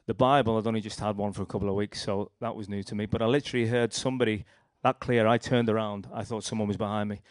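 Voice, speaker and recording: A young man with a Liverpool accent tells his personal testimony in a rambling, storytelling way. His voice sits fairly low, and the recording is dry and close. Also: steady tone, fast talker, hardly any pauses, no room sound. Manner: rambling, storytelling with restarts and acted quotes. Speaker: speaker sharing a testimony.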